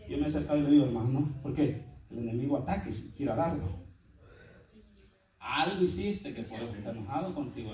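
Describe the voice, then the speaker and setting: A man's voice: on the high side, mellow. A man preaching a sermon as pastor of a church, emphatic and acting out little dialogues between people. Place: church sanctuary. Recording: echoey church, far from mic, congregation audible.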